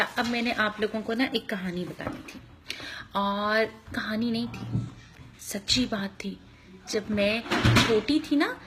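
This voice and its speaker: A woman, a mother, telling a story to her young children in an animated way, acting out sounds and asking them questions. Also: on the high side, heavy background noise.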